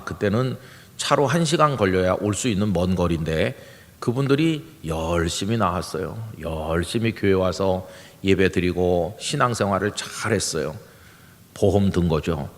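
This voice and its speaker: Older male pastor, low voice, preaching and telling stories, big church echo. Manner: storytelling, acting out quoted voices. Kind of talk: sermon. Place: large church sanctuary. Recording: long hall reverb.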